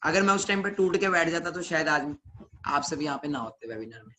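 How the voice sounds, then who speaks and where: A young man with a Punjabi accent telling an animated motivational story on a webinar and acting out his family's lines. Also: a little high, brisk, a little hiss or hum. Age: young adult. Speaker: young entrepreneur speaking on a webinar.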